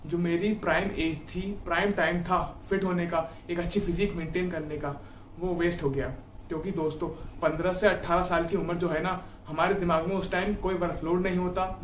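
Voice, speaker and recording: Guy in his 20s giving fitness advice at home, kinda high voice, echoey room, mic a bit far off. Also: slight background noise. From India. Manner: earnest, encouraging, addresses viewers directly. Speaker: fitness YouTuber. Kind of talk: casual advice talk to camera. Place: small indoor room at home, seated on a bed. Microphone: camera a few feet away. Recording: echoey room audio from a distant camera mic.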